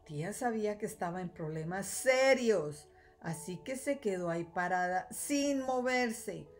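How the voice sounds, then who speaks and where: A woman teacher reading a children's storybook aloud, clear and expressive. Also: mid-range voice, measured pace, soft background music. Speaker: third-grade teacher.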